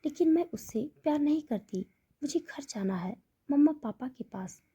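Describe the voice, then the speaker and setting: A woman voicing a frightened but defiant young woman who speaks softly and pleadingly. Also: high-pitched, lively intonation, normal speed, pitched above the performer's own voice. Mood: anxious. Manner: soft and pleading, irritated.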